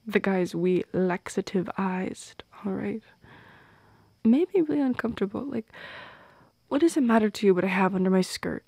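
In this intimate ASMR roleplay, a young woman performs a shy goth teen who teases, speaking softly and breathily, hesitating, halting with little laughs and slipping into whispers. Her medium-pitched voice has lively intonation and a wounded, wry feel, recorded dry on a close microphone.

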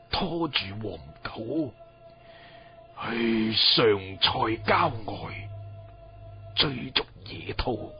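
Pingshu storyteller man as a halting, broken old Cantonese statesman. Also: mid-range voice, dull audio, exaggerated voice. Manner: halting, tearful, drawn out.

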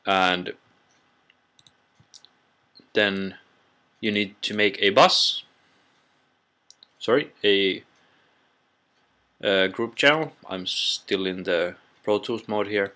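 Recorded on a built-in computer microphone, a man narrates an informal software tutorial step by step, pausing often. His voice is low and unhurried, with a bright, hard edge.

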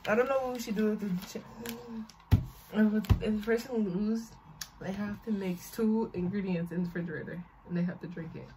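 A woman's voice: medium pitch, fairly even intonation, moderate pace. A young woman chatting casually as co-host of a home joke challenge. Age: young adult. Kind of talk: casual chat. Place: bedroom, indoors. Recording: faint noise in home room.

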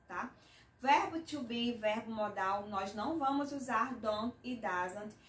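A Brazilian woman with a Brazilian Portuguese accent and a slightly high voice gives a patient English mini-lesson. She repeats her example sentences slowly and clearly. The sound is roomy and echoey, with the mic set some way off. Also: a bit bright, distant mic. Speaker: English teacher.

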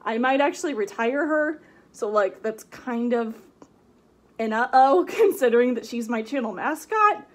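A woman's voice: on the high side, lively intonation, measured pace. A woman chatting casually in a vlog, giggly and rambling, her voice muffled inside a costume head. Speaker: vlogger.

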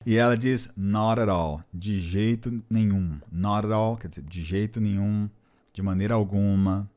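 A man's voice: on the low side, unhurried, a little mellow. A man teaching an English lesson, patiently repeating and translating phrases. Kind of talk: explanatory language lesson.

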